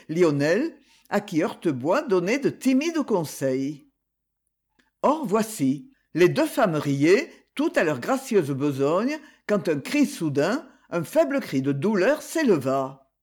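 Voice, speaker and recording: A reader narrating a classic French novel in an expressive literary manner. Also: mid-range voice, slow, breathy edge. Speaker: audiobook reader.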